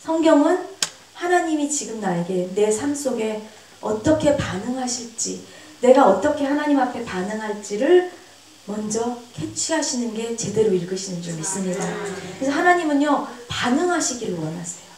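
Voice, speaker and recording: A woman, a pastor's wife, preaching a sermon at a church seminar with earnest emphasis, acting out quoted voices with sudden high pitch jumps. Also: expressive, normal speed, a little mellow. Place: church hall. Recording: echoey church hall, voice from far off.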